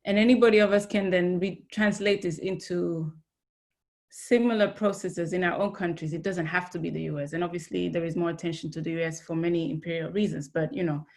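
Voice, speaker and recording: A woman from Belgium speaks as a panelist on a video call, her voice on the low side. She talks earnestly and works through her thoughts aloud, with restarts and fillers. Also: fairly even intonation, brisk, darkish tone. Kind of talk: academic panel discussion.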